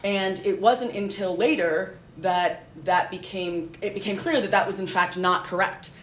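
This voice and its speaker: A woman's voice: medium pitch, steady tone, moderate pace. A woman biologist as a podcast guest, explaining at length with dry sarcasm and fillers. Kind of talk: casual explanatory interview. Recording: roomy echo, faint noise.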